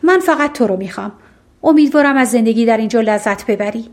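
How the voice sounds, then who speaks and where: A woman voicing a lonely male beast in an audiobook fairy tale, speaking in a halting, plain and soft way. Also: on the high side, expressive, close to an everyday voice. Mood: earnest. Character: gruff lonely beast, male, shy and humble. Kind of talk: audiobook storytelling.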